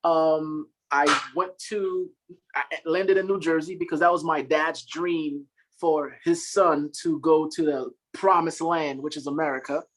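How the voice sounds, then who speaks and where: On a podcast, a Marine staff sergeant from Haiti, in his thirties, gives casual interview talk, earnest and upbeat, with ready laughter. He speaks a little slowly in a steady tone, with a slightly high and fairly bright voice, though the audio is poor.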